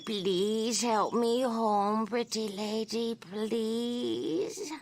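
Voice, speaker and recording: A woman voicing a sinister, wheedling old crone in a video game, with a creaky, hissing voice, slipping up and correcting herself. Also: fairly high pitch, drawn-out words, a little mellow. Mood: pitiful pleading. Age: older. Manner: wheedling, slips and corrects herself, repeats phrases. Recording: game audio with faint ambient noise.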